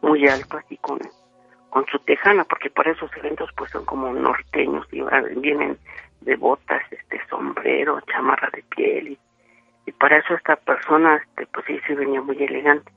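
A man's voice: mid-range voice, level tone, normal speed, vocal fry, breathy edge, no echo. A Mexican man telling a spooky story over the phone, rambling with many fillers. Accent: Mexican Spanish. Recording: tinny phone line.

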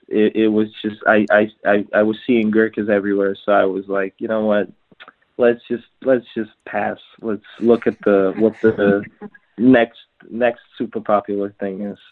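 A man speaks in a relaxed podcast chat, his sentences stopping and starting as he searches for words. His voice sits on the low side. The sound is thin and narrow, like a phone call. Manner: halting, many restarts and fillers. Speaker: customer service at a trouser maker. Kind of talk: casual podcast conversation. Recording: tinny phone-like line.

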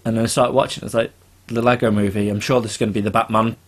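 A young man co-hosting a casual podcast, animated and quick to laugh, acting out his own reactions as he tells stories. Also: lowish voice. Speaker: podcast co-host. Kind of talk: casual chat.

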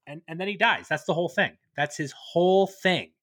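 A man co-hosting a casual podcast chat about a play, talking in lively bursts and reading verse aloud with loud drama. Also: on the high side, brisk. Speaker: podcast co-host.

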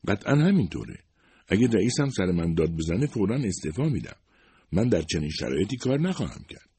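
A man's voice: low voice, sing-song, warm tone, husky, dry recording, pitched above the performer's own voice, exaggerated voice. A man voicing a curious, earnest young woman who asks polite, probing questions.

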